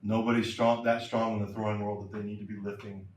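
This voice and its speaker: A man's voice: on the low side, flat delivery, fast, far from the mic, slight background noise. A man coaching throwers in a clinic lecture, emphatic and repeating key points, in a lecture hall. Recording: roomy lecture hall from afar.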